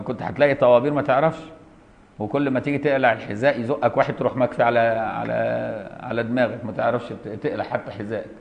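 A middle-aged man with an Egyptian Arabic accent teaches a classroom jurisprudence lesson at a brisk clip. He reads a formal text aloud, then breaks into lively, colloquial explanation. He checks in with his students now and then with quick rhetorical questions. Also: mid-range voice, muffled recording.

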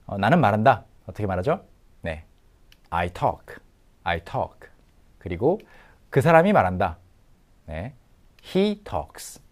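Middle-aged guy lecturing, patient drill style, kinda low voice that swings up and down a lot. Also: darkish tone. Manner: patient, drills phrases slowly with repetition. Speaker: English teacher. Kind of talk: recorded language lecture.

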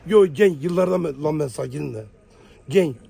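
A man's voice: a little high, fairly quick, creaky, mellow, slightly rough. A man in casual chat who talks in an agitated way, repeating words and stammering. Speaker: regular of the show.

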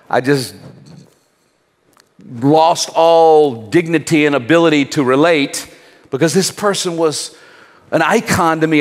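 Man preaching in a reverberant hall. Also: on the high side. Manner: rhetorical questions, dramatic pauses. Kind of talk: sermon. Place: church hall.

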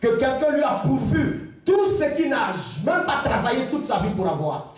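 A man preaching a fervent sermon as pastor, pausing in short phrases for his interpreter and rising to shouts. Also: very high voice, big pitch swings, soft background music. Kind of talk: sermon in French with live interpretation. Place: large church hall with stage. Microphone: handheld mic, filmed from far. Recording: very echoey church hall, distant mic.

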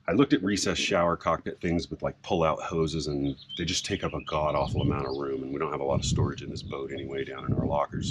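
Very deep-voiced man explaining outdoors. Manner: relaxed, rambling, with frequent fillers. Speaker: sailboat owner and vlogger. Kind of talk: casual how-to explanation. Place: outdoors in a sailboat cockpit at a marina. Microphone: camera on a mount a few feet away. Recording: outdoor recording with background noise.

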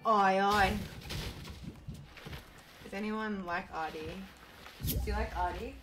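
A woman's voice: mid-range voice, normal speed, music in the background. A young woman chatting and joking while streaming a game, reading out viewer chat and swearing freely. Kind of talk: casual chat while gaming. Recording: distant mic with loud background noise.

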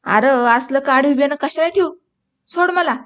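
A woman's voice: sits high, moderate pace, close to an everyday voice. A woman reading the lines of a harsh, angry older village father in a storybook. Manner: harsh, scolding.

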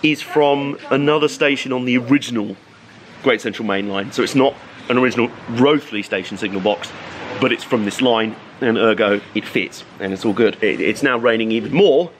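A man's voice: mid-range voice, moderate pace. A man hosting a casual travel vlog, chatty and upbeat, talking outdoors at a railway station in the rain. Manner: chatty, upbeat, laughs often. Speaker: vlog host. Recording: noisy outdoor recording.

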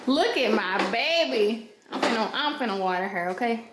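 A woman's voice: fairly high pitch, lively intonation, normal speed. A woman in her thirties chatting casually to the camera in a family vlog, talking to viewers as y'all and joking about her chores at home. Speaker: family vlogger. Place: home kitchen, indoors. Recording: echoey room with background noise.

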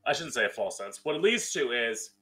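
Medium in pitch but full of big swings, this man's sharp-toned voice moves fairly quickly as he gives an emphatic, opinionated monologue to camera. He hosts with campy drag queen delivery from a small room at home, speaking into a close studio mic on a boom arm with a pop filter.

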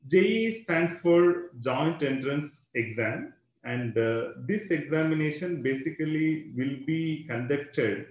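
In an online webinar, a male school educator explains exams into a computer microphone, using many fillers and a habitual "right?". His voice is mid-range, and the recording is rough with an echoey room.

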